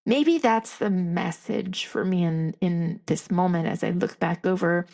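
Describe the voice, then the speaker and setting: A woman's voice: fairly low pitch, measured pace, vocal fry, darkish tone. A woman in her fifties hosting a podcast, talking candidly in a reflective, rambling monologue full of restarts. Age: 50s. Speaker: podcast host.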